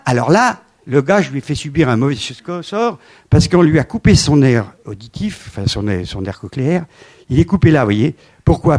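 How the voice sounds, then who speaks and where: Older french-speaking guy in his 70s lecturing, slightly high voice, goes loud then drops real quiet. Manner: animated, swings from loud emphasis to quiet asides. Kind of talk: lively lecture with slides.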